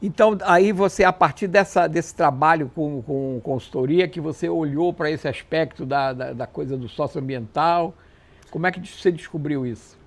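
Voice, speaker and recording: A man's voice: a little high, normal speed. Chatty male interview host. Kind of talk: casual interview.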